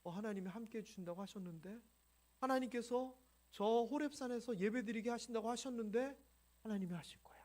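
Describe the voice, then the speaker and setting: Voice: mid-range voice, a little fast, a little mellow, lightly acted. A preacher voicing Moses, who keeps repeating his trust in God within a sermon. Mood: insistent. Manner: repeats himself insistently, rising. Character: Moses, anxious then trusting.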